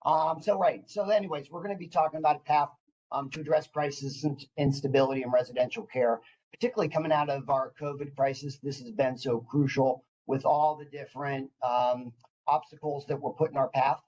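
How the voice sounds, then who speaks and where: A man with a medium-pitched voice gives an informal professional presentation. He comes across as psyched, like someone on a few coffees, eagerly pushing on through hesitations and restarted phrases. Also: fairly even intonation, brisk, a little mellow, low-quality recording. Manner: enthusiastic, psyched; caffeinated, eager talker who hesitates and restarts mid-phrase. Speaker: clinical department director presenting.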